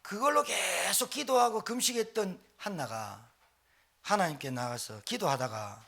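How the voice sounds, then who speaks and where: A male pastor preaching a sermon in a church, talking fast with lively, exclamatory delivery. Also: high voice, creaky. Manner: fast-talking, admits speaking too quickly.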